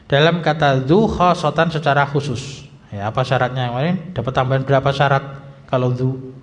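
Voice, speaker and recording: A male Islamic teacher giving a grammar lesson in a mosque, reading text slowly, then explaining briskly and quizzing his students. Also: medium pitch, steady tone. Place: mosque hall. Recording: dull lo-fi sound in a reverberant hall.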